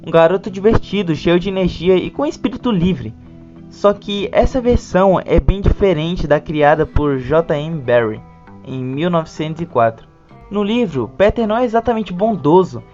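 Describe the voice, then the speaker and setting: A narrator with a Brazilian Portuguese accent reads a scripted video essay that has some informal touches. The voice is mid-range and slightly mellow, and the lo-fi recording sounds dull, with background music underneath.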